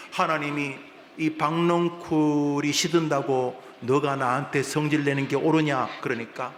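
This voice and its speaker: A man preaching from the pulpit, his voice high and bright, with a long reverb tail from the large room around him. He swings between calm reading and sudden loud, animated outbursts. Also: slight background noise. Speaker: senior pastor. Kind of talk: sermon. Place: large church sanctuary. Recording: echoey hall reverb.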